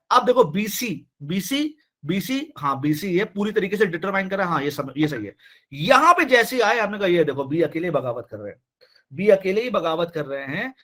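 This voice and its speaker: Male online tutor, fairly high voice, lively and pushy, keeps asking the class to answer. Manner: animated, repeats himself, keeps urging students to reply. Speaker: teacher. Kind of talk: live online class lecture.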